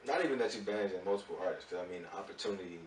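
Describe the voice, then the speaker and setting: A man who manages music artists, talking in a rambling, relaxed way full of fillers during a casual radio interview. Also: sits low, rapid-fire. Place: radio studio. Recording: roomy distant mic with faint noise.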